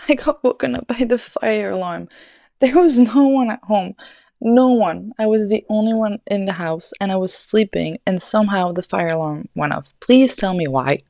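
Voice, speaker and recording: A woman's voice: mid-range voice, moderate pace, vocal fry, dark tone, no echo. A young woman hosting a podcast, telling a story in casual, rambling chat, swearing often and saying "like" a lot. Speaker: podcast host.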